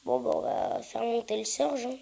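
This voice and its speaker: A woman chatting through her gameplay, with lots of hesitant fillers and sudden excited yelps. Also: on the high side, normal speed, vocal fry, poor audio. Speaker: gaming YouTuber. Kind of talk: casual gameplay commentary.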